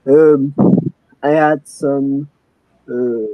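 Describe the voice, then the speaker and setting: Extremely slowly and in a steady, medium-pitched voice, a young Czech caller asks a live stream questions about his aquarium. The hesitant chat is full of fillers and restarts, and the dry recording sounds lo-fi.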